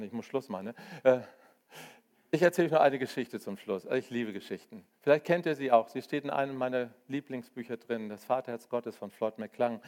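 An older man preaching a charismatic sermon, swinging between loud joyful exclamations and soft, intimate asides, with a folksy way of talking straight to his listeners. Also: medium pitch. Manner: folksy, addresses listeners with "ne?" and "du auch?".

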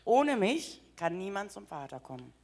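A woman's voice: mid-range voice, sing-song, moderate pace, a little mellow. A woman interpreting a sermon live, giving each phrase right after the preacher speaks.

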